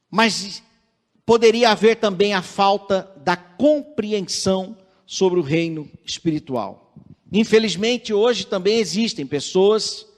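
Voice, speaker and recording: A Brazilian man with a fairly high voice delivers a sermon at an unhurried pace, reading scripture aloud earnestly. His voice carries through a church hall with a long, ringing reverb from an online service stream. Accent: Brazilian Portuguese. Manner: measured, earnest preaching, reads scripture aloud. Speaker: preacher. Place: church sanctuary.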